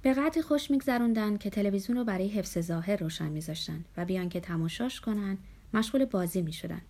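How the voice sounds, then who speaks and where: A woman reading a first-person novel aloud. Her delivery is steady and measured in a mid-range voice. She carries long narrative passages without hurry. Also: mid-range voice. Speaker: audiobook narrator.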